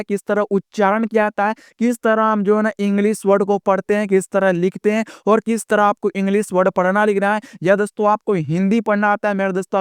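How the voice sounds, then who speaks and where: A man teaching English letter sounds in an online lesson, repetitive and drawn-out as he keeps calling viewers his friends. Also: sits high, clean tone, no echo, studio quality. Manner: slow, drawn-out letter-by-letter explaining.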